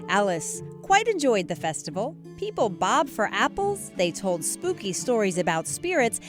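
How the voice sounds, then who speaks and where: A woman news anchor narrating a children's story aloud in an expressive read-aloud manner. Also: mid-range voice.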